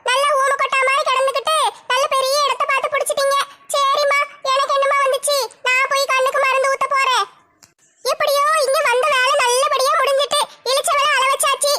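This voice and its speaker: Shrill, bright, flat-toned gossip with one eye, spiteful and meddling, in a comedy skit. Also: female voice, fairly quick. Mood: taunting. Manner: accusing, taunting village gossip.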